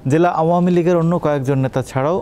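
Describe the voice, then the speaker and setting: A man reading a scripted news bulletin as presenter, in a brisk, formal delivery. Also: a little high, steady tone, dark tone, slight background noise.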